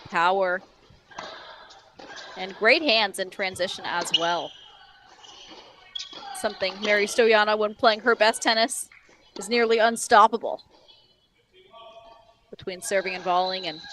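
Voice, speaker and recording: Woman calling tennis with measured analysis. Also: medium pitch, fairly bright tone, slight background noise, low-quality recording. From New England. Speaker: tennis commentator. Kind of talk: live sports commentary.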